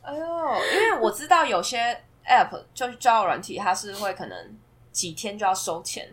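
A woman hosting a podcast in casual chat, animated and often laughing through her stories. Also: medium pitch, moderate pace, slightly rough. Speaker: podcast host.

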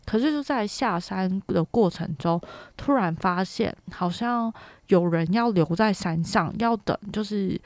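A woman's voice: mid-range voice, a little slow, no room sound. A young woman from Taiwan hosting a podcast, telling a story in a chatty, casual way and stringing clauses together with fillers. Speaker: podcast host.

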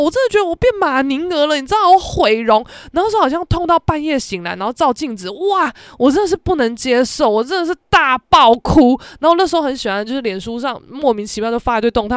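A young woman, hosting a podcast and telling a story in a lively, dramatic, self-mocking way. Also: a little high, dry recording, studio quality. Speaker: podcast host. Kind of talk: casual storytelling monologue.

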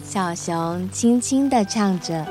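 A woman reading a picture book aloud to children, softly and slowly, with sound-word effects. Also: medium pitch, lively intonation, soft background music. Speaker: storyteller.

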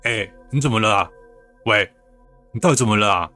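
A man's voice: fairly low pitch, brisk, bright, forceful tone, soft background music. A man voicing an older male office finance manager who talks in a blunt, grumbling way. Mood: impatient.

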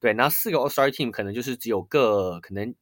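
A man's voice: medium pitch, fast talker, fairly bright tone, no echo, studio quality. A man on a casual podcast, thinking aloud in a tentative way with lots of fillers. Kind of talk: casual sports chat.

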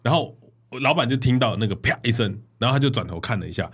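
A man hosting a casual podcast chat, telling stories in an animated, chatty way. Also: mid-range voice, racing, husky. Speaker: podcast host.

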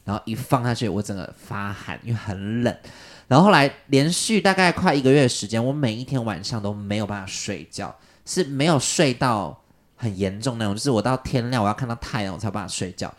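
A man casually telling a long story on a podcast, animated and jumping up in pitch when he quotes people. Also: a little fast. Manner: animated, jumps high when quoting people.

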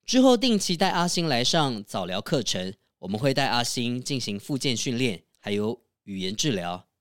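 Man playing a gentle reassuring doctor. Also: medium pitch, very animated, normal speed, clear, resonant tone, no room sound, studio quality, voice pushed down, natural voice. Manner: gentle, explanatory. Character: calm middle-aged male doctor, reassuring.

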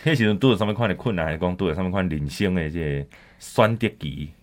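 A man's voice: sits low, quick pace. A man with a Taiwanese accent hosting a music show, chatting casually with lots of interjections. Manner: animated, with frequent interjections and backchannels. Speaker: radio music show host.

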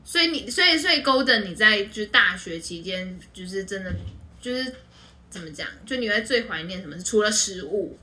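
Bright, animated young Taiwanese woman. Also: mid-range voice, brisk. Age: young adult. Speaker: podcast host. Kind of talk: casual group chat. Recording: clear background noise.

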